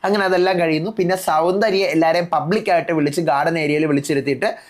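Rapid-fire man recapping a TV episode. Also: a little high, fairly even intonation. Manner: retells the contestants' lines in quick succession. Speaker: TV show reviewer. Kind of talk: fast episode recap in casual speech.

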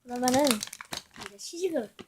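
High-pitched young-sounding snack vlogger crunching chips. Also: animated, normal speed, noisy background. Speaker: host. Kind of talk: casual snack-tasting mukbang vlog.

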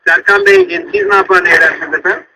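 A male phone-in host with a high, swooping, crackly voice. He banters casually and teases with mock-polite formality. The sound is thin, like radio or telephone. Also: wildly swooping pitch, very fast, creaky, bright, forceful tone. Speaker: radio call-in show host.

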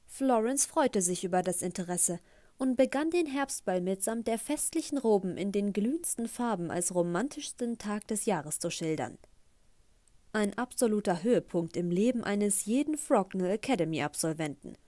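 A woman narrating a first-person audiobook in a measured, even storytelling manner. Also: medium pitch, dry recording. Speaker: audiobook reader.

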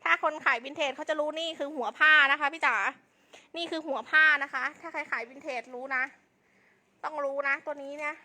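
Female live seller. Piercingly high and sharp, fast hype delivery with insistent, repeated sales lines. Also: fairly even intonation. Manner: insistent, repetitive sales patter. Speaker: live-stream clothing seller.

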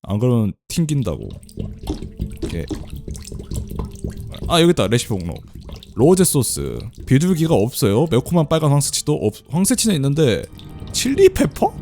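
A man's voice: mid-range voice, very animated, moderate pace, pauses often, dark tone. A man giving casual let's play commentary, chatty and often laughing as he reads the game text aloud. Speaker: game streamer.

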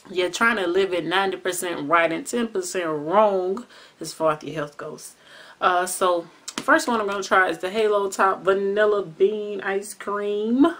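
Casual Southern woman vlogger, lowish voice, slangy and excitable, self-recorded taste test. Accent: Southern American. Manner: chatty and slangy, building to excited exclamations.

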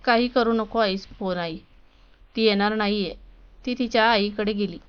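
A woman's voice: mid-range voice, fairly even intonation, moderate pace, clear, resonant tone, lightly acted. A woman voicing an irritated, curt young husband in a story reading. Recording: dull lo-fi recording.

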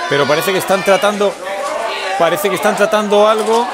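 A male wrestling commentator from Spain calls the action in a very high, straining shout. His Castilian delivery is emphatic and excited. A loud crowd and heavy noise surround him in the venue. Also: a little fast. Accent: Spanish from Spain. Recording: noisy event hall with loud crowd.

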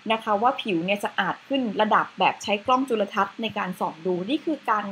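A woman's voice: medium pitch, fairly bright tone, slight background noise, poor audio. A woman presenting a facial cleanser in a chatty, casual way with slides, adding polite particles to most phrases.

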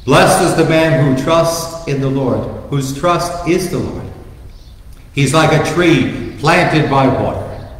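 A priest reading the gospel and preaching a sermon in a large church, telling stories and asking rhetorical questions. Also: male voice, on the high side, slow. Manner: storytelling, emphatic with rhetorical questions. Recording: echoey church hall with reverb.

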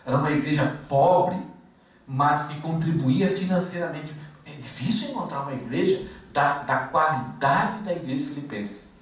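A man's voice: a little high, lively intonation, moderate pace. A man, preaching an expository sermon in a casual, storytelling way with frequent fillers and restarts. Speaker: pastor. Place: church hall. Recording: echoey room, distant mic, faint noise.

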